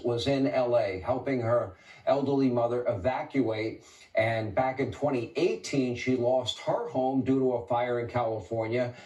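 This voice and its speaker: A male talk show host who moves briskly through his questions. His voice has a mid-range pitch, and it sounds far from the mic in a roomy, echoing space. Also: darkish tone. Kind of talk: broadcast interview.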